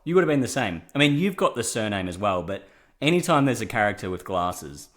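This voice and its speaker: A young man from Australia co-hosting a casual chat show, chatty and quick to laugh, jumping from story to story. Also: fairly low pitch, very animated, a bit bright. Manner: chatty, laughs often, jumps between stories. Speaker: podcast co-host.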